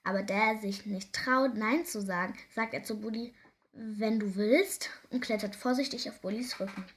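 Gentle woman reading a children's story. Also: medium pitch, a little fast, a little hiss or hum. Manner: gentle, expressive, drops to soft whispers.

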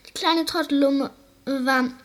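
A woman voicing a blunt female gull in a storybook, with a croaking way of talking. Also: sits high, fairly even intonation, takes it slowly, fairly bright tone, voice pushed up.

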